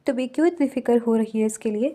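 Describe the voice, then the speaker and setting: Quick, playful scheming friend, read by a woman in a romance audiobook. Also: a little high, dark tone, lightly acted.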